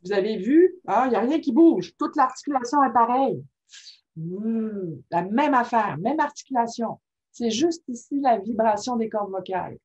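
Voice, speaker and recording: Fairly high-pitched and slightly rough, this woman's voice moves at normal speed through an informal talk on reading disorders. As the workshop presenter, she keeps things lively and repeatedly checks in with "ok?", in a muffled lo-fi recording.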